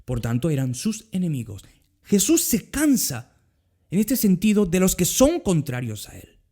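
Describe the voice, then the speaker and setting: A man's voice: sits high, a little slow. A middle-aged man with a Spanish accent preaching a sermon as pastor, acting out quoted words. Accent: Spain Spanish. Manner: animated, acts out Jesus's words in quotes.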